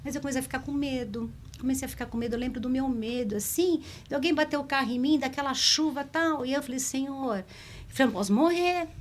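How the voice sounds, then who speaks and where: A woman telling a personal story in a conversation, in a lively, emotional way. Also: high voice, quick pace, few pauses. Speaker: spiritist speaker.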